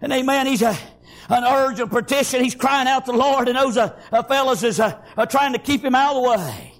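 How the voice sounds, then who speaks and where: In a very high-pitched voice and at a fairly quick clip, a Southern-accented man delivers a fiery revivalist sermon. He shouts often and exclaims praise, breaking his speech into stop-and-go bursts packed with repeated interjections.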